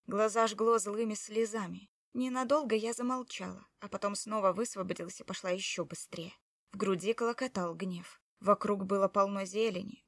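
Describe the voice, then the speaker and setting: A woman reads a first-person story aloud in an emotional, expressive manner. Her voice sits in a middle range for a woman. The sound is close and dry, with no room around it. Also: mid-range voice, dry recording, distant mic. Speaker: audiobook narrator. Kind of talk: first-person audiobook narration.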